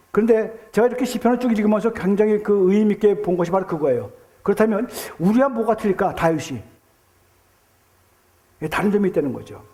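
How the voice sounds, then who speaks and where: A man's voice: sits high, a little mellow. A man preaching a Sunday sermon as pastor, emphatic, acting out complaining prayers to God. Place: church sanctuary.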